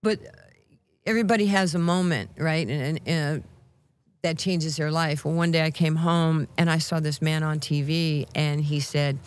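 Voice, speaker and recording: A woman with a New York accent, a guest telling animated, street-tough stories with lots of acted quotes. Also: deep voice, moderate pace. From New York, USA. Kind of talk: casual storytelling.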